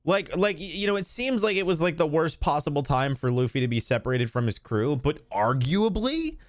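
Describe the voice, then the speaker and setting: A man's voice: on the high side, very animated, normal speed, no echo, clean studio sound. A man reacting on a live stream, chatting casually and rambling, with frequent laughs and swearing.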